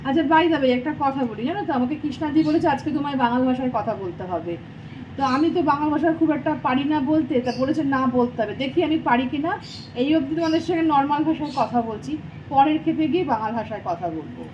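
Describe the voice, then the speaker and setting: High-voiced chatty cooking vlogger woman. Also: expressive, fast talker, highs cut off, a little hiss or hum. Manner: chatty, laughing at her own slips while trying a dialect. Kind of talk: casual cooking vlog. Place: home kitchen.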